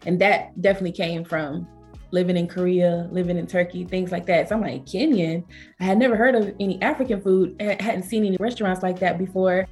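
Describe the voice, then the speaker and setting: Talking fast, an animated Southern woman from Georgia, USA, founder of a travel company, tells stories as an interview guest. She acts out quoted speech with jumps in pitch, and soft music plays in the background.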